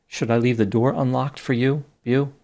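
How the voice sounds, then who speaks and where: A man reading out the messages of a flirty female AI chatbot, slowly and plainly. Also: mid-range voice, fairly even intonation, vocal fry, warm tone, natural voice. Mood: gushing.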